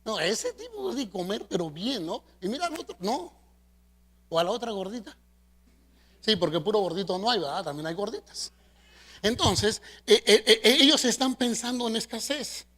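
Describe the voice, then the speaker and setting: A middle-aged man with a Mexican Spanish accent preaching a sermon as pastor, leading the congregation in call-and-response and swinging between loud emphasis and soft asides. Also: high voice, animated, moderate pace. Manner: preaching with call-and-response, asking the congregation to repeat after him.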